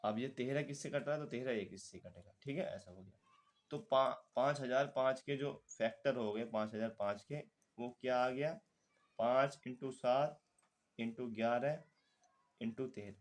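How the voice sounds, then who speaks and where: A man's voice: mid-range voice, measured pace. A man with a Hindi accent leads a step-by-step math lesson in a mid-range voice. He is patient and talks through every calculation aloud as he works. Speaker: math teacher.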